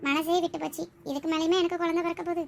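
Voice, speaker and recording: A woman voicing a gentle, childless young village wife who speaks softly and tearfully. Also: extremely high pitch, steady tone, very fast, vocal fry, slight background noise. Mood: sorrowful. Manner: soft and tearful. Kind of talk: village comedy skit acting.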